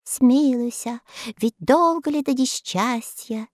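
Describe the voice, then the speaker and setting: A woman's voice: high voice, slow, no echo, studio quality, voice pushed up. A woman voicing a frightened father pleading for mercy in a storybook reading.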